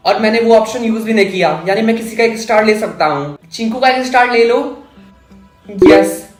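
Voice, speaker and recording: A voice actor plays a nervous cartoon schoolboy fretting aloud to himself in a mid-pitched voice. The recording sounds roomy and echoey, with faint music in the background. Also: moderate pace, lightly acted. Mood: anxious. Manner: anxious self-talk. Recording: echoey room.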